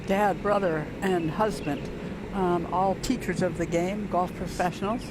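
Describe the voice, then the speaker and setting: A man's voice: high-pitched, steady tone, a little slow, heavy background noise. A man giving golf commentary as an analyst, conversationally explaining the play.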